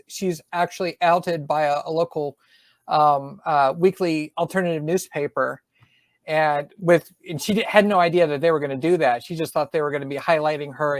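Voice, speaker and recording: A woman's voice: sits low, dry recording. A middle-aged woman from Georgia with a faint Southern accent, an author chatting in an interview, thoughtful, with many fillers and restarts. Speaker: author guest. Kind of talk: casual interview chat.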